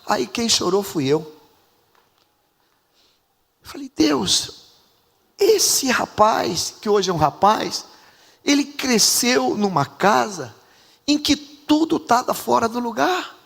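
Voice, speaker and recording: A man preaching a sermon as pastor, emphatic and animated, repeating lines for effect. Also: extremely high pitch, slow, creaky, pauses often. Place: large church sanctuary. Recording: reverberant church hall.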